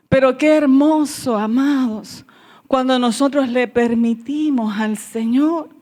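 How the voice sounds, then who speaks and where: A woman pastor giving a sermon, telling her own story and addressing the congregation as beloved. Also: on the high side. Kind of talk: sermon testimony.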